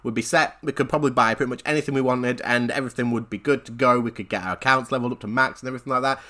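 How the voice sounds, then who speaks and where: A man, a gaming channel host, telling a story-time vlog in an animated, rambling way with repeated phrases. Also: mid-range voice, rapid-fire.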